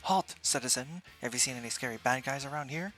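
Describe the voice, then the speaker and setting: A man voicing an earnest, excitable young girl superhero in a game, speaking loudly and theatrically. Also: mid-range voice, racing, over music, close to an everyday voice. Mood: heroic demanding. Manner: loud, dramatic, theatrical.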